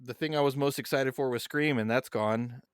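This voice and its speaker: A podcast co-host reads background notes aloud, then drifts into loose, casual conversation. His mid-range voice is clear and resonant, delivered at a normal speed in clean studio sound with no room echo.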